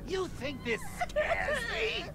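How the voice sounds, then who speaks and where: An actor playing a manic, vain villain clown in a video game, theatrical, mocking and volatile, with a creaky voice that leaps into shrill cackles. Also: male voice, wildly swooping pitch, takes it slowly, heavily acted. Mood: manic indignation.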